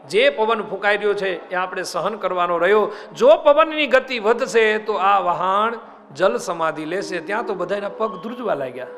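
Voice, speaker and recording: A man's voice: sits high, pushed and bright. A man giving a devotional sermon and telling a story dramatically, often speaking straight to his audience. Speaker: spiritual storyteller and preacher. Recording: live hall reverb with music underneath.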